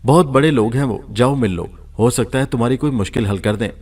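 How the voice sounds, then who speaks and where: A man's voice: mid-range voice, a little mellow, natural voice. A man doing a blunt, sarcastic chauffeur. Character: blunt, mocking male chauffeur.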